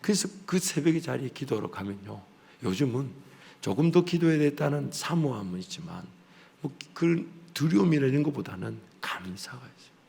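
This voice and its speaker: A man with a Gyeongsang accent preaching a revival sermon as guest pastor. He moves between hushed, near-whispered passages and loud, animated storytelling. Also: medium pitch, moderate pace, creaky. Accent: Gyeongsang Korean. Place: church sanctuary. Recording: reverberant church sanctuary.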